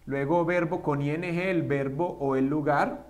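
A man teaching English grammar at a whiteboard, asking his students questions and answering them himself, slowing down for the English examples. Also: on the high side, fairly even intonation. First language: Spanish. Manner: slows down to spell out English examples.

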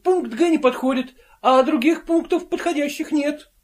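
A man voicing an indignant invisible office clerk who argues in a shrill, insistent, pleading way. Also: normal speed.

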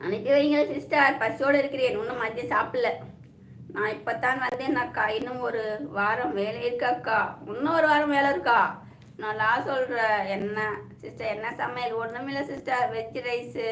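A woman from hosting a casual live stream, chatty and teasing as she greets viewers by name. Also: a little high. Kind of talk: casual live chat reading viewer comments. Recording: echoey room with faint ambient noise.

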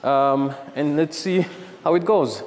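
A man's voice: fairly high pitch, slow pace, darkish tone, long reverb tail, slight background noise. A man in his thirties, a gym owner, explaining his renovation step by step in a casual vlog. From Rwanda. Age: 30s. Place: gym under construction, indoors.

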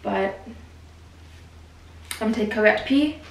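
A woman's voice: mid-range voice, unhurried, creaky, a little hiss or hum. A woman in her twenties chatting casually to camera at home and cooing doting baby talk to her dog. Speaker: vlogger. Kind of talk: casual vlog chat. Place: home kitchen and bedroom indoors. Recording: roomy echo with music bed. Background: background music.

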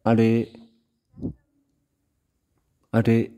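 Extremely slow and completely flat in delivery, this man's mid-range voice still carries a warm tone. He speaks with a Javanese Indonesian accent as a tutorial host, giving a casual how-to demonstration in a small room at home.

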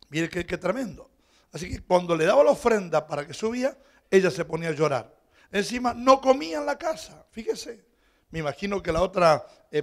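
A middle-aged Argentine pastor preaching in a slightly high voice with a Rioplatense accent. He tells the story to his congregation, swinging from loud, stretched-out preaching to quiet, chatty asides, and keeps asking his listeners questions. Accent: Rioplatense Spanish. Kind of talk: sermon.

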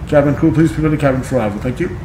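A man speaks as an airline captain addressing the cabin over the speakers, brisk and formal. His quick delivery carries echo and steady loud background noise. Filler pauses break up the announcement. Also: medium pitch. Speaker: flight sim streamer.

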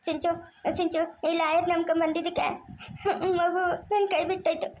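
A woman's voice: very high voice, little pitch movement, a little fast. A woman playing a grieving young mother who pleads tearfully for her son in a family drama. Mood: pleading. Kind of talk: amateur family drama acting.

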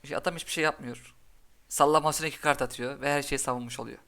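Young guy streaming a card game, bright punchy voice, hypes up his moves and snaps at the other player. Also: mid-range voice, vocal fry. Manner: excitable, cheering and scolding the game in quick bursts. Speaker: gaming commentator. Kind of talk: live gameplay commentary.

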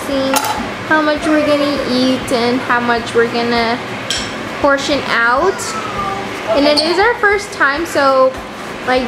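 High-voiced chatty teen girl in a kitchen. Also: very noisy. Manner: chatty, upbeat, uses "like" and "um" often. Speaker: vlogger. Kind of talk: casual cooking vlog narration. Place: home kitchen, indoors.

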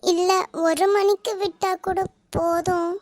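A woman's voice: extremely high pitch, steady tone, a little mellow, no room sound, studio quality. A woman voicing a shy, poor teenage schoolgirl who is hard of hearing, speaking hesitantly in a Kanyakumari Tamil accent in a cartoon. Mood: grateful. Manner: hesitant, pleading, quick to tears. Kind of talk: animated cartoon dialogue.

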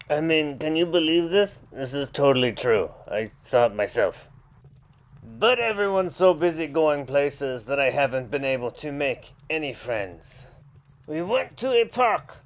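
A man's voice: fairly high pitch, full character voice. A man doing an eager young puppy narrator. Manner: chatty, exasperated asides. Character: young boy dog, eager and easily sulky.

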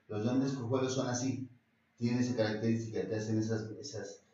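A man with a Mexican accent hosting a naturopathic health talk show, repeating himself and filling pauses with "eh" and "este" as he gives advice and pitches remedies. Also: fairly even intonation, mellow. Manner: rambling and repetitive, often restarts phrases, fond of saying "eh" and "este". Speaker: naturopathic doctor and show host. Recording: distant mic in a roomy space, dull sound.

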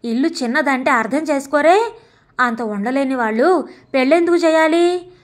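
Scornful, sharp-tongued young daughter-in-law, read by a woman narrator; storybook voice, high. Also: moderate pace. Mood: furious.

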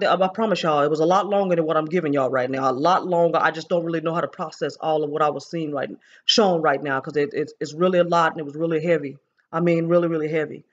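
Man preacher, higher voice, intense and repetitive, muffled lo-fi recording. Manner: emotional, intense, repeats phrases, addresses listeners as y'all. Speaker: preacher recounting a vision. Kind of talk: informal spoken testimony. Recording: dull lo-fi recording.

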